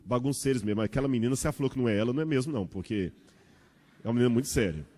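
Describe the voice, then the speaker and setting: A man's voice: medium pitch, expressive, very fast, dark tone, lightly acted. A man doing a frank church teacher. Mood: earnest. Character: frank woman church teacher defending the children. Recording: long church hall reverb.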